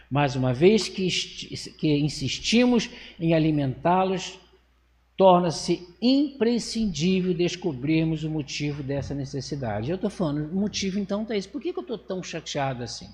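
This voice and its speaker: A man's voice: expressive, normal speed, darkish tone. A Brazilian man giving a spiritist lecture in a conversational way, asking the audience rhetorical questions and acting out little scenes. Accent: Brazilian Portuguese. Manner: acts out voices and lowers his voice for effect. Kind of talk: religious lecture. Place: lecture hall. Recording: long hall reverb.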